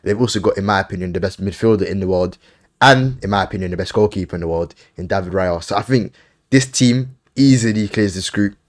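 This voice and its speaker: A man hosting a casual football podcast, briskly running through lists and giving offhand opinions. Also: deep voice. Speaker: podcast host.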